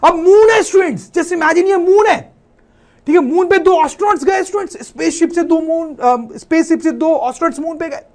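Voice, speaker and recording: A science teacher with a notably high voice for a man walks his class through a lesson. He speaks straight to the students again and again, throws out rhetorical questions and answers them himself. He slips English terms into his explanations as he goes. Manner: keeps addressing "students" and asks rhetorical questions.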